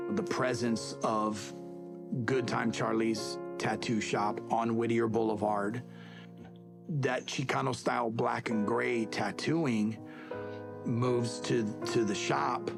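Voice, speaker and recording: A man in a documentary interview, speaking slowly and reflectively. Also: mid-range voice, creaky. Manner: slow, reflective. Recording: loud guitar music over voice.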